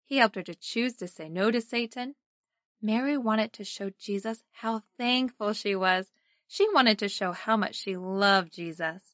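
A dry, slightly dull recording of a woman with a middle-pitched voice. She talks like a Sunday school teacher, telling a children's Bible story and leading young listeners in short, simple phrases. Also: measured pace, a bit bright, dry recording. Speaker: children's Bible lesson host.

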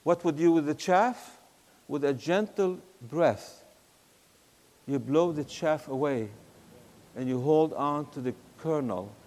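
A high-voiced older man from Syria preaches with a Syrian Arabic accent, his voice carrying a long reverb through a big hall. He speaks slowly and tells stories, rising to loud emphatic lines and dropping back to a near-hush. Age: 60s. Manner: storytelling, swings between loud emphasis and soft hush. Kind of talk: sermon.

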